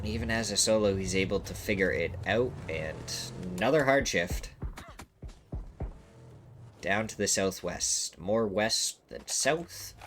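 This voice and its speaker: A man commentating live on a video game match with a congested, blocked-nose sound, excitable when the action peaks. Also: takes it slowly, over music. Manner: excitable, voice leaps high and loud at big moments. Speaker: esports commentator.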